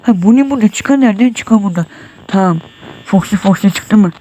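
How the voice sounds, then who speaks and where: Yelping at scares and muttering prayers, a sweaty, nervous man talks through his horror game run. His voice is high-pitched and warm, a little fast, with slight background noise, and he sounds tense and jumpy.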